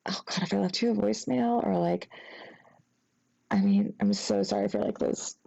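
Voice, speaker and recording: In an intimate acted phone-call roleplay, a young woman plays a sheepish, flustered ex-girlfriend apologizing after a drunken night, speaking haltingly and rambling with embarrassment, breaking into nervous giggles. Her voice is soft and medium-pitched with big pitch swings and vocal fry, and the sound is lo-fi.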